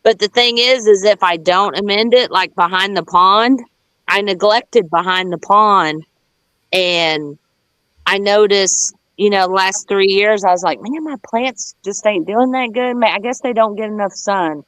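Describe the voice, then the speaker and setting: A folksy, plain-spoken gardener from the American South chats and rambles casually during a livestream. She speaks unhurriedly in a medium pitch with a fairly bright tone, and no room sound is audible.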